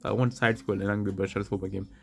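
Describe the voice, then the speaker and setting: A man's voice: fairly low pitch, level tone, racing, gravelly. A tired young adult man who just woke up, chatting casually in a rambling, slangy way. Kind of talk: casual chat.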